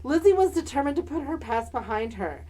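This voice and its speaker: A woman's voice: high-pitched, big pitch swings, fairly quick, mellow, rough recording. A woman co-hosting a podcast, telling stories in a casual comedic way with sassy, campy slang and playful swearing. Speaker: podcast co-host. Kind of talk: casual comedic storytelling mixing read narration and chat.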